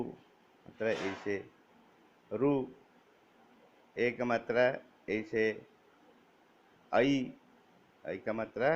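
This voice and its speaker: Very slow-speaking man teaching a lesson. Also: fairly low pitch, a little hiss or hum. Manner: slow, deliberate, spells out each vowel sign; reads word lists aloud one word at a time. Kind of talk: Hindi grammar lesson for children. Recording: dull lo-fi recording.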